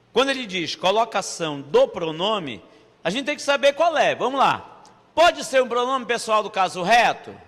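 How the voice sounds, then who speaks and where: Brazilian male teacher, bright high voice, slow and playful, reverberant room. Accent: Brazilian Portuguese. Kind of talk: online exam-prep grammar lesson.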